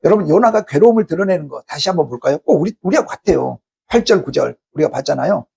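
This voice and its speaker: A man's voice: on the high side, animated, quick pace, gravelly, dark tone, slightly rough. A man preaching a Sunday sermon as pastor in a church, speaking emphatically and firing rhetorical questions at the congregation. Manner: acts out angry complaints to God. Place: church sanctuary.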